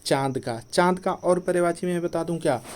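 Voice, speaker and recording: A man's voice: fairly high pitch, a little fast, slight background noise. A man teaching an exam-prep Hindi grammar lesson, who repeats each point as a question to the class and then answers it himself.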